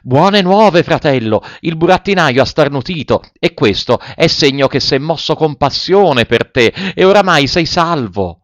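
A man's voice: fairly high pitch, expressive, a little slow, few pauses, fairly bright tone, dry recording, highs cut off, voice pushed up. A man voicing a cheerful male harlequin puppet who talks in an eager, urgent way. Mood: relieved eager.

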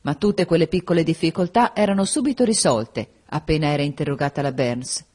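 Low, husky woman reading a novel. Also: a little fast, darkish tone. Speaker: audiobook narrator. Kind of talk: audiobook narration of a classic novel.

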